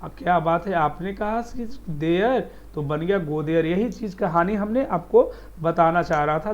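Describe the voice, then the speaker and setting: A man's voice: sits high, darkish tone. A male teacher, patiently explaining translation and quizzing the viewer as he goes. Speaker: English teacher. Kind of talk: explaining Hindi-to-English translation. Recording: dull lo-fi recording.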